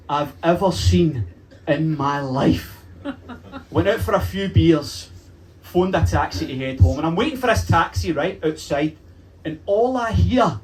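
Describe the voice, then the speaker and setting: A young man with a Glaswegian Scottish accent doing a stand-up comedy set in a club, telling punchy stories with swearing and acting out shouted lines. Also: sits high, low-quality recording. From Glasgow, Scotland. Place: comedy club with a live audience. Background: audience laughter.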